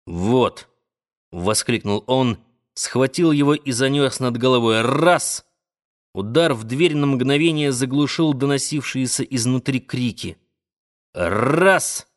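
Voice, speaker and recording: A male audiobook narrator reading a novel in a slow, deliberate, dramatic way. His voice sits in an ordinary middle register and takes its time over each phrase. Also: medium pitch. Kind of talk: scripted literary narration.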